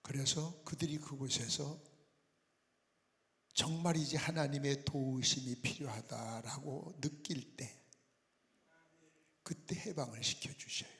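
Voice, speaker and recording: A man preaching and praying as a pastor, earnest, often dropping to a soft, near-whispered voice for emphasis. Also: mid-range voice, fairly even intonation, slow pace, long pauses. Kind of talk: sermon and prayer. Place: large prayer-retreat hall. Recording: long reverb of a large hall.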